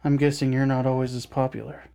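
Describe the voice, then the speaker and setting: A man voicing an impatient, snarky young man who is quick to anger. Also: medium pitch, little pitch movement, creaky, dark tone, clean tone, voice pushed up, natural voice. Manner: snarky, impatient, angry outbursts. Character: hot-headed young man, impatient sidekick.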